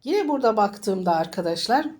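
A woman sniffly with a summer flu, reading fortunes informally for viewers in a halting, reassuring way and often repeating her phrases. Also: mid-range voice, very animated, darkish tone. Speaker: fortune teller.

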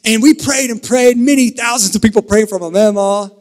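A man from Kentucky preaching a sermon at a pulpit microphone, earnest, shifting between emphatic and hushed. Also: sits high, brisk. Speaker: pastor. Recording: reverberant sanctuary, pulpit mic.

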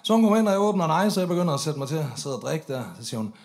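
A man's voice: fairly high pitch, big pitch swings, darkish tone. A man performing a stand-up story on stage, swearing freely and acting out the drunk voices of the people in it. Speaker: comedian telling a story on stage.

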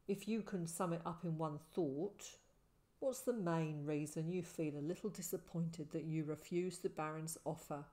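A woman reading the part of a calm older male ranger, speaking quietly and soberly. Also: sits low, moderate pace, lightly acted. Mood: gentle.

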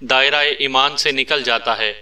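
A man's voice: mid-range voice, fairly even intonation, moderate pace, sharp tone. A man voicing a jealous, needling male agent in a read-aloud story. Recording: distant mic.

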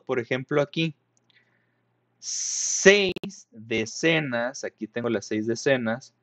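In a recorded math lesson for children, a man teaching primary school speaks in a medium-pitched voice with no echo. He takes his pupils through the material patiently, frequently making sure they're keeping up.

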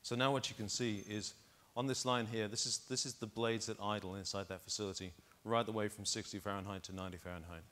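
A man's voice: lowish voice, steady tone, quick pace, hardly any pauses, fairly bright tone. A middle-aged man on a conference stage, talking into a lapel mic and walking the audience through test data step by step. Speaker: keynote speaker. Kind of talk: conference keynote presentation.

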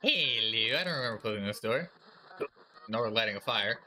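A man's voice: lowish voice, expressive, brisk, pushed and bright, a little hiss or hum. A man doing let's play commentary on a horror game, talking to himself in a wry, joking way while he has the hiccups. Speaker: VTuber streamer.

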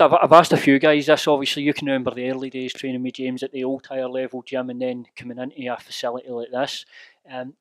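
Chatty interviewer, dry sound. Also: male voice, mid-range voice, fairly bright tone, no room sound. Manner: chatty, long rambling questions. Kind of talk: gym interview. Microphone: handheld mic.

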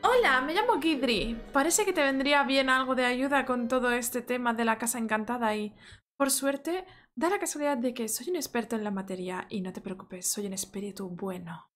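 Woman reading a friendly helpful ghost guy from a game, paranormal expert, highish voice. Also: expressive, moderate pace, a bit bright, soft background music. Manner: reading the ghost's lines aloud in her own voice.

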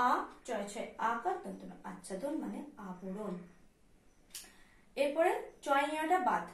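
A woman with a fairly high voice and a West Bengal accent teaches young children in a slow, patient way, spelling words out letter by letter. She sounds a little way off from the mic. The room around her is echoey. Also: far from the mic. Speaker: primary school teacher. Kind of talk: recorded class lesson.

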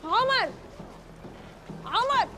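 An actress with an Egyptian accent playing a frantic young woman searching for her lost little brother, pleading and quick to snap back. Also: very high-pitched, lively intonation, sharp tone, soft background music, exaggerated voice. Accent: Egyptian Arabic.

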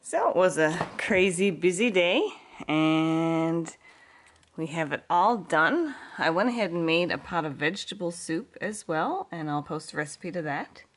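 Unhurried and expressive, a middle-aged homesteading vlogger with a low-ish voice walks viewers through her kitchen work in plain, casual terms. She is filming at home on a handheld camera.

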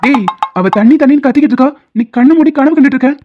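An easygoing brother-in-law shrugs off a scolding with a joke, voiced by a woman in a cartoon. The high voice is squeezed into a tinny phone-like band. Soft music plays behind. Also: racing, natural voice. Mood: jokey. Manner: easygoing, jokey. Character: joking older brother-in-law, easygoing schemer. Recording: phone-like lo-fi sound, faint music.

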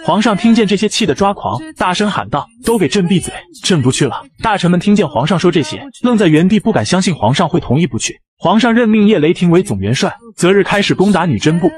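A man narrating a comic story recap in brisk, animated scripted narration. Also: high-pitched.

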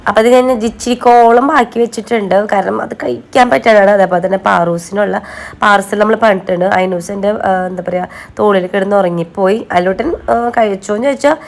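Very quick-talking woman narrating a vlog. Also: medium pitch, fairly even intonation, gravelly. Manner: mixes English words into Malayalam. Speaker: family vlogger.

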